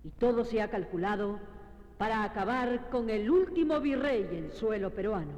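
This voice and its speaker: A man's voice: sits high, animated, moderate pace. A man delivering dramatic, declamatory scripted narration of history. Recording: long reverb with faint noise.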